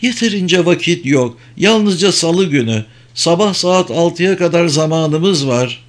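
A man voicing a sad young woman in a storybook reading, speaking softly. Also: a little high, lively intonation, a little slow, pitched above the performer's own voice. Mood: sad, resigned.

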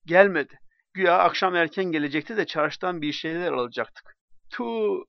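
A man's voice: high voice, moderate pace, vocal fry, no echo, muffled recording, voice pushed up. A man voicing an angry, nearly tearful wife in a storybook reading. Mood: furious.

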